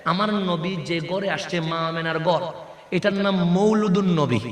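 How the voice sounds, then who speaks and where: A man preaching a sermon, asking his audience questions and answering them himself, building up to loud shouted peaks. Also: sits high, steady tone, a little slow, a little hiss or hum. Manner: call-and-response questions to the crowd, rising to shouts. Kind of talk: sermon at a religious gathering. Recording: echoey hall with long reverb.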